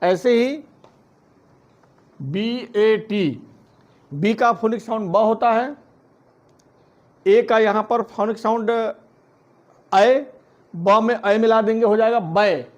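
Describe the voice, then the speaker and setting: A man teaching a phonics lesson, spelling words out letter by letter and then saying each one slowly. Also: sits high. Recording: dull lo-fi recording.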